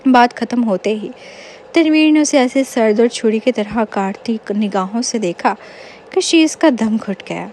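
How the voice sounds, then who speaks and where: Woman narrating a novel, high voice. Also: lively intonation, darkish tone, slight background noise.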